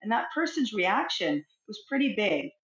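A middle-aged woman, a counsellor, talking as a guest in an interview, speaking in a reflective, expressive way and acting out little everyday scenes. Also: medium pitch, moderate pace. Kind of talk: conversational interview. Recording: roomy, dull lo-fi sound.

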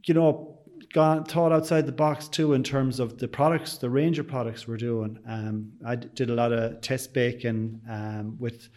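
A man from Sligo speaks in a west of Ireland accent, answering as a bakery owner in an interview. His delivery is conversational and rambling, peppered with small verbal asides, at an ordinary middle pitch. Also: flat delivery, a little slow, a little mellow. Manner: chatty, rambling, with frequent "you know".

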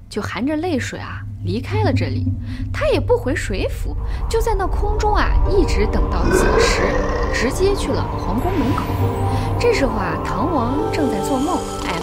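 A woman retelling a classic tale casually, chatty and expressive, with asides to the listener. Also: high voice. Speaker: storyteller. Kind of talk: casual storytelling podcast.

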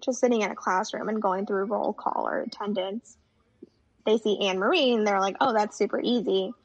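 A young American woman chats as a guest in a casual conversation, her manner full of fillers. She speaks at medium pitch and normal speed with a breathy edge, in dull lo-fi audio.

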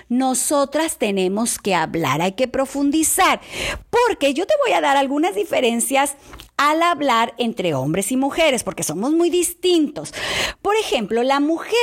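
A woman teaches an audience of women in a chatty, confiding way. Her voice sits high and swings widely as she talks. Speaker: marriage talk speaker.

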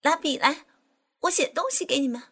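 A woman voicing a furious young woman who shouts her indignation in an audiobook scene. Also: high voice, moderate pace, voice pushed up. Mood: defiant. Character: furious young woman, scorned ex-lover, shrill. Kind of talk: audiobook character voice.

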